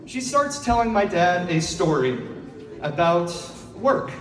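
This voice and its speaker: A man's voice: high-pitched, very animated, takes it slowly. A young man performing a stand-up set on a coffee shop stage, telling self-deprecating stories and laughing at his own jokes. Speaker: stand-up comedian. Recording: echoey coffee shop from far off. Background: audience laughing.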